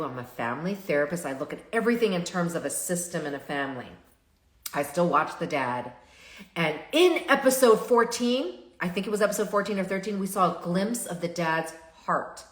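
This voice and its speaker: A woman's voice: mid-range voice, a bit bright. A middle-aged woman, a family therapist, talking casually on a live stream. She often checks in with her viewers by asking "right?". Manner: chatty, asks the audience "right?" often. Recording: echoey room.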